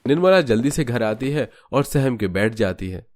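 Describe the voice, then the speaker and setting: In a scripted storytelling style, a man narrates an animated moral story. His voice sits in the mid range and moves at a normal speed.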